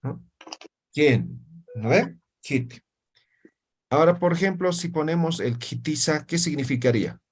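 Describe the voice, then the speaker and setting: A man's voice: a little high, lively intonation, a little slow, pauses often, breathy edge. A man, an Aymara speaker, teaching an Aymara language class and checking understanding with frequent tag questions. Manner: explains with constant "¿no ve?" tag questions. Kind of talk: classroom lesson.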